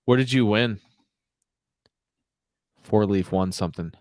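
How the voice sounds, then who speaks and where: A man's voice: on the low side, a little slow, darkish tone, dry recording, clean studio sound. A man hosting a podcast livestream, chatting casually and rambling with many fillers, a bit out of breath. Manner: rambling, filler-heavy, jokey. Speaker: podcast host.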